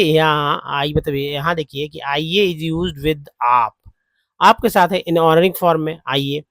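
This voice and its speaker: A man's voice: a little high, no echo. A man with an Indian English accent teaching a language lesson, switching between Hindi and English and saying each phrase over and over. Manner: slow, repeats English phrases several times over.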